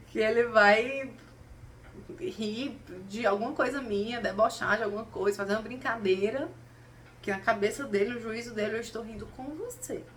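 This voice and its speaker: A woman talks casually and expressively to her viewers, pausing and picking up her thread as she reflects. She sits a little back from the mic, with a faint hum underneath. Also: mid-range voice. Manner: expressive, talks straight to viewers, acts out quoted voices. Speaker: spiritual vlogger. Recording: slightly distant mic, faint background noise.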